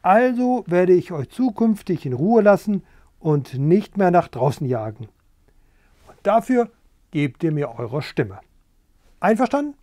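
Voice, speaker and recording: A man's voice: high-pitched, sing-song, a little slow, mellow, no echo, studio quality. A man voicing a boastful, eager young rooster in a storybook reading, talking in a pushy, wheedling way.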